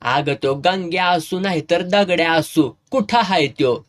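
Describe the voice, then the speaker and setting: A man shouting as a rough angry villager. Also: high-pitched, a little slow. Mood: furious. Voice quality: shouting, coarse.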